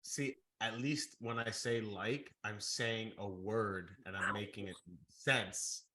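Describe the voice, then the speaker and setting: A man's voice: lowish voice, slow pace, low-quality recording. A man in his thirties, a podcast co-host, talking bluntly and teasing his friends in casual chat. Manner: blunt, teasing, animated storyteller.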